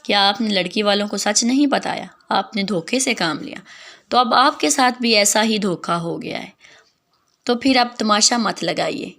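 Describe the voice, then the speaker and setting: A woman voicing a quiet, stern wealthy young man in a wheelchair, speaking in a calm, measured rebuke. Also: medium pitch, gravelly.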